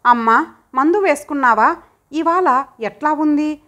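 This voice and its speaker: A woman's voice: high voice, measured pace, pushed and bright, voice pushed up. A woman voicing a caring elder son who speaks affectionately to his sick mother, in an audiobook. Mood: tender. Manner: affectionate, coaxing. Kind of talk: audiobook character voice.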